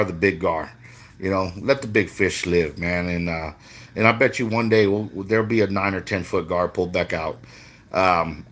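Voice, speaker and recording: A man's voice: deep voice, fairly bright tone. A middle-aged man, a fishing guide chatting casually on a live stream, rambling and swearing freely with many restarts.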